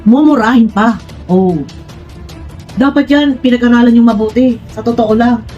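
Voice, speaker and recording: Woman vlogger, fairly high voice, blunt and frank, casual rambling commentary, faint music behind. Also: moderate pace, mellow, highs cut off. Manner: blunt, frank, says she is direct to the point; rambling with many restarts and pitch swings. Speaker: vlogger commenting on online personalities.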